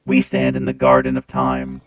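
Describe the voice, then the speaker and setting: A man voicing a calm, dutiful male robot steward through a robot voice filter, speaking formally. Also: very deep voice, soft background music, pitched below the performer's own voice. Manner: formal, measured, reminiscing. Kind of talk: gameplay stream reading game dialogue.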